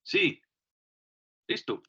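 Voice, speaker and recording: A man with a Colombian Spanish accent gives a classroom English lesson at an unhurried pace. His voice is bright and forward. He explains patiently, checking that everyone follows, and the recording is dull and lo-fi. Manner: patient, explains step by step, often checks in with "listo". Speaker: English teacher.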